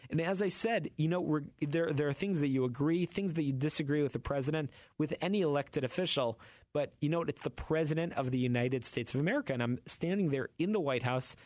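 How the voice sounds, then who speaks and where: A man hosting a radio talk show, telling a story and acting out the quotes in a lively way. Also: on the high side, brisk, no room sound.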